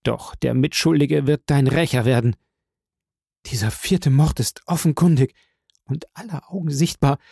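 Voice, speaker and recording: A man's voice: medium pitch, unhurried, gravelly, warm tone, slightly rough, no room sound, clean studio sound. A man voicing a passionate, grief-stricken young man who speaks in fervent, insistent repetitions. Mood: vowing.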